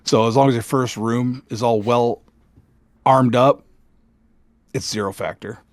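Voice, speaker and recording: A middle-aged man chats as co-host of a gaming podcast. He sounds animated, laughs easily and keeps restarting sentences. His voice sits at an ordinary pitch, and the recording is dry and close. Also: unhurried, dry recording. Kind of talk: casual gaming chat.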